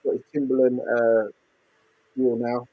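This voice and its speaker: A man's voice: mid-range voice, little pitch movement, measured pace, dry recording. A man co-hosting a casual boxing talk over a video call, rambling in loose phrases, his voice muffled as if through a wall. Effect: muffled, as if heard through a wall. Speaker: co-host of a boxing talk show. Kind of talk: casual debate. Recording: muffled, distant call audio.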